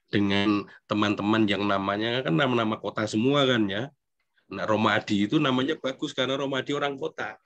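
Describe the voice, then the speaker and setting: A middle-aged priest giving a recollection talk in a conversational, self-deprecating way, with frequent tag questions. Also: male voice, medium pitch, a bit bright. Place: church hall.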